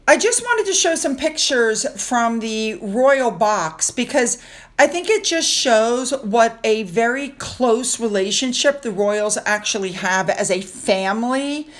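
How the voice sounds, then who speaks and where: A woman talking casually over photos in a chatty, gossipy commentary with sighing asides. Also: on the high side. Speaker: royal news vlogger.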